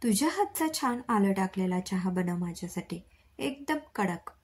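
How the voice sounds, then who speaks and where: A strict middle-aged father, worn out after work, speaks, as a woman reads his part. The voice stays breathy and soft. He gives short, firm requests in a storybook manner. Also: mid-range voice, lively intonation, moderate pace. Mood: weary. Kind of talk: storybook reading.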